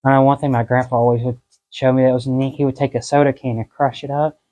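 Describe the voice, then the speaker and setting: A man's voice: mid-range voice, level tone, quick pace, dark tone, lo-fi sound. A man giving an informal, folksy guided tour inside a cave, in a conversational way.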